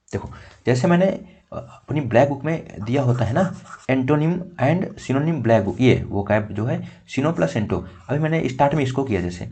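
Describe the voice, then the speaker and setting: A young man coaching for exams, with a voice of average pitch. He talks casually and keeps checking with "okay". He counts pages out loud as he shows his notes. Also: husky. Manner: conversational, repeats "theek" often, counts pages aloud. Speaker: exam coach. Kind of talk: casual tutorial, showing notes.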